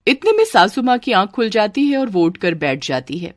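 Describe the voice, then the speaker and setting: A woman narrating a scripted family story in an even, explanatory way. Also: medium pitch, moderate pace, dry recording, clean studio sound.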